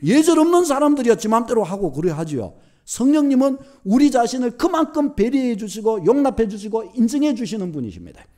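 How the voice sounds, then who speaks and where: A man's voice: very high voice, big pitch swings, brisk, darkish tone. A male pastor with a Gyeongsang accent, preaching a sermon emphatically, repeating his points and using homely everyday examples. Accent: Gyeongsang Korean.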